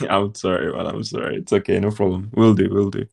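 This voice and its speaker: A man's voice: on the low side, level tone, brisk, gravelly, darkish tone, slightly rough, no room sound, studio quality. A man hosting a casual football podcast, joking around and laughing often with his guests. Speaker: podcast host.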